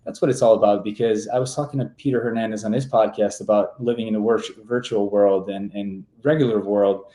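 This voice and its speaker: A man in his twenties from Serbia, a real estate agent talking as a guest in a relaxed, easygoing way, full of fillers and restarts. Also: on the low side, brisk, reverberant. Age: 20s. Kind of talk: casual interview talk.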